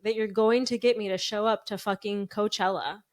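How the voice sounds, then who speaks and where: A woman with a Wisconsin accent chatting casually as a podcast co-host, telling things in an animated, exclamatory way. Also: medium pitch, moderate pace. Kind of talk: casual chat.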